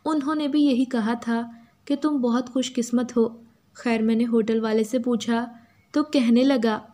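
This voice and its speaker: A woman with an Urdu accent reading a first-person story as a steady, even narrator. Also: a little high, a little slow.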